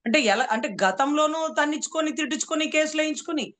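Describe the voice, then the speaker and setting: Fast, heated woman political commentator. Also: high voice, fairly bright tone. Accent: Telugu. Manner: heated, rhetorical, repeatedly addressing "sir".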